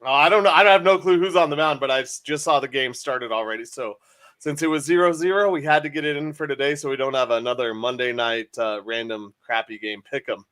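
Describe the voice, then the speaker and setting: A man's voice: medium pitch, fairly quick, a bit bright. A man hosting a casual sports podcast, joking loosely and running the picks segment. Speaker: podcast host.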